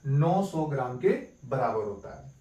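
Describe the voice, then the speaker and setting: A man's voice: medium pitch, animated, measured pace, mellow, muffled recording. Man teaching in an echoey room. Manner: repeats key points as questions and answers them. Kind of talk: exam-prep lesson. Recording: echoey room, mic at a distance.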